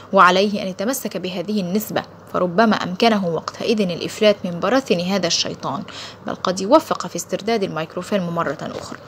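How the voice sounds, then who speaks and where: A woman narrating an audiobook thriller in a brisk, dramatic storytelling manner. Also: mid-range voice, a little hiss or hum.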